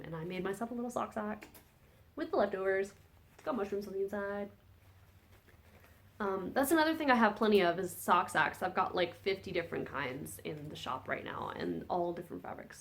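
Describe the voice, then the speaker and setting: A woman hosts a podcast, chatting casually about knitting projects, rambling and correcting herself as she goes. Her mid-range voice is creaky and phlegmy from a lingering cold.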